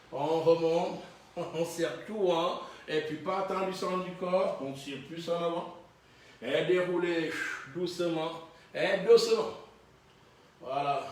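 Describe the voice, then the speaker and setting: A man leading a Pilates class, counting reps and giving calm encouraging cues. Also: on the high side, far from the mic. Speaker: Pilates instructor. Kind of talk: guiding a fitness class. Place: fitness studio, indoors. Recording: very echoey gym room from afar.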